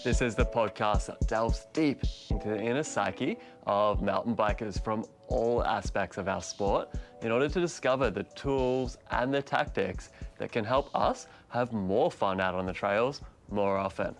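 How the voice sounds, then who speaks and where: Faint music sits behind a man in his thirties whose voice is on the low side and a little slow. An Australian podcast host and mountain bike coach, he runs a casual solo show with an enthusiastic, upbeat, laid-back manner.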